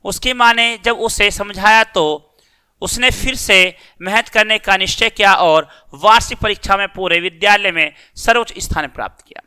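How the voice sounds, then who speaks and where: A man teaches a young class, reading a story aloud and then retelling it in plain words. His voice sits high and sounds very bright. Every word comes through crisp and clear. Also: moderate pace. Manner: reads story passages, then explains them in simple words. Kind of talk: reading and explaining a school lesson.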